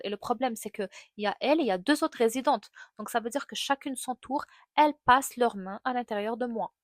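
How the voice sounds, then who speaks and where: A young woman tells a personal story in a casual, candid way. She is animated and uses lots of fillers. Her voice sits at a middle pitch, and the close recording is dry, with no room sound. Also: no echo. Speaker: vlogger.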